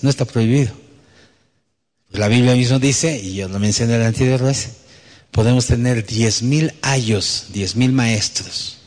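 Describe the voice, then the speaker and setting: This man's voice sits in the middle range, a little mellow and slightly rough. He's a pastor preaching a sermon to his church in a conversational way, often closing a thought with a questioning tag, and the recording carries a long hall reverb.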